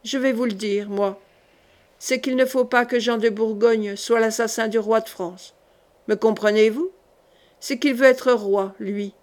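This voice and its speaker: A woman's voice: on the high side, natural voice. A woman voicing a frightened male hired killer in an audiobook, urgent and insistent. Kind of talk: audiobook character voice.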